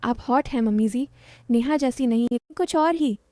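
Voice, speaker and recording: A woman voicing an infatuated young son-in-law who speaks in a soft, pleading way. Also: very high-pitched, normal speed, no room sound, clean studio sound. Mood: admiring.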